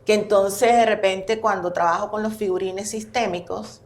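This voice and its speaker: Speaking at medium pitch and a moderate pace, this family constellations therapist is a guest in a relaxed podcast chat. Her storytelling is lively and expressive, and the room gives the audio a noticeable echo.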